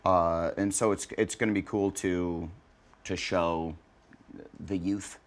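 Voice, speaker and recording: A man with a low-pitched voice chatting casually as an interview guest. He talks in a joking, laid-back way and laughs often. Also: steady tone, slow pace. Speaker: comedy writer and actor guest. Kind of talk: casual chat.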